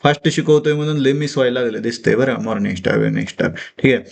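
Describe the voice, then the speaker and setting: A man teaching a live trading session, asking quick questions and answering them himself. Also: mid-range voice, creaky.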